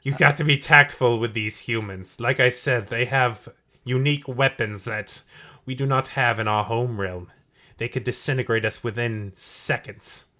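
A man voicing a haughty dark lord from another realm who plans a takeover and scorns mortals. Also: mid-range voice, steady tone, moderate pace, lightly acted. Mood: scheming. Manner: pompous, theatrical, scornful.

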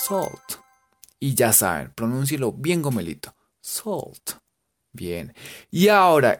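A teacher with a Colombian Spanish accent, playfully spelling out English cooking words letter by letter and making jokes. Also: mid-range voice. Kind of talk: spelling out vocabulary in a casual lesson.

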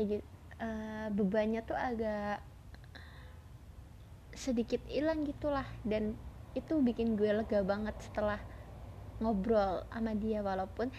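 A woman's voice: a little high, a little mellow, lo-fi sound. A young woman rambles reflectively in informal slang, as the host of a casual personal podcast. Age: young adult. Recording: noticeable background noise.

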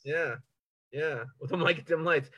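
A man's voice: on the high side, moderate pace, sharp tone, slightly rough, no room sound. A man hosting a casual podcast, laughing and stumbling playfully through the intro. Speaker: podcast host.

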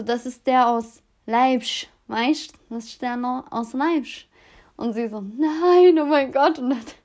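Young woman, chatty vlogger, expressive and dramatic, slightly high voice, frequent laughter. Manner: animated, exaggerated, laughs often, dramatic asides. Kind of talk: casual storytelling to viewers.

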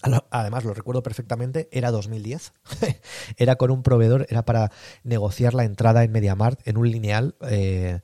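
A man's voice: mid-range voice, fairly even intonation, mellow, dry recording, studio quality. A man with a Spain Spanish accent, hosting a podcast sales lesson and stressing key points by repeating them. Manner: acts out sales calls in quick bursts. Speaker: sales coach host.

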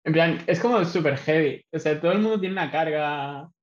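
Speaking a little fast on the high side, a man chats about a film in a relaxed way, wandering off topic and hedging. His audio is lo-fi, dull, and echoey.

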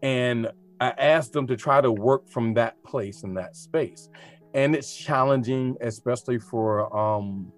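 A man in a relaxed interview, an experienced teacher who talks freely and reflectively and breaks into animated, slangy asides. His voice sits at an ordinary middle pitch. Faint music plays in the background. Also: a little slow. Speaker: teacher of high school students. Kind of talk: casual interview conversation.

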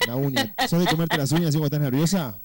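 A man's voice: a little high, expressive, rapid-fire, a loud crowd. A man with an Argentine accent hosting a comedic radio call-in, teasing the caller in a crude, mock-flirty way. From Córdoba, Argentina. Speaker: radio host.

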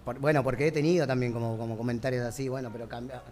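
A man's voice: mid-range voice, fairly even intonation, very fast, a little mellow, soft background music. A man with an Argentine accent, a musician guest chatting casually and laughing often at himself. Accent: Argentine Spanish. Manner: self-deprecating, laughs often. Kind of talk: casual chat.

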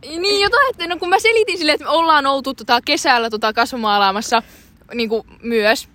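A woman's voice: high voice, sharp tone. A young woman co-hosting a casual chat, telling rambling, giggly stories full of fillers. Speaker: co-host.

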